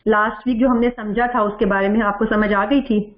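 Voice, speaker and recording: Reviewing the previous lesson in an online class with echo, a patient woman who teaches Quran recitation asks questions and reads her students' answers aloud. She speaks in a steady, mid-range voice, and the highs are cut off.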